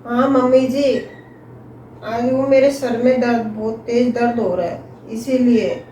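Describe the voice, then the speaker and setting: A woman's voice: on the high side, steady tone, takes it slowly, warm tone, reverberant, a little hiss or hum. A woman playing a young, newly married daughter-in-law who talks in an earnest, pleading way.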